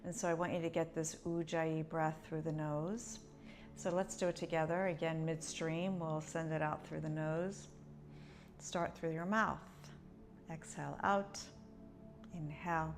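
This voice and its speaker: A woman's voice: low voice, level tone, measured pace, over music. A woman teaching yoga breathing, guiding step by step in a conversational, explanatory way. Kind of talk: instructional breathing lesson, guiding along.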